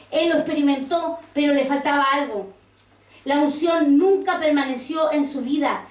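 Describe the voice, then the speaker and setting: High-voiced woman preaching in a roomy church. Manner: preaching, quoting scripture, asking the congregation. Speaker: pastor. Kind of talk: sermon. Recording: roomy church sound from a distance.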